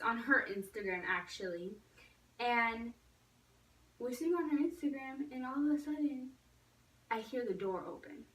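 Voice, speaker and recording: Bright-voiced young woman in an echoey room. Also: fairly high pitch, distant mic. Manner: chatty storytelling, acting out quoted voices loudly. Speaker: vlogger. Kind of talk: casual storytime vlog.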